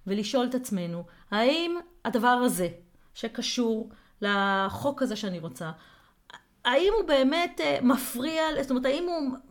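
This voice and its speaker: A woman's voice: on the high side, lively intonation. A woman co-hosting a casual podcast discussion, reflective and full of hesitations and worked examples. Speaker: co-host.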